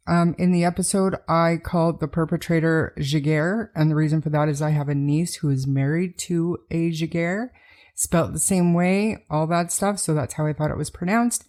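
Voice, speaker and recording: Low, mellow-voiced woman podcast host. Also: fairly even intonation, normal speed. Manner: hesitant, many ums and restarts. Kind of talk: casual podcast chat.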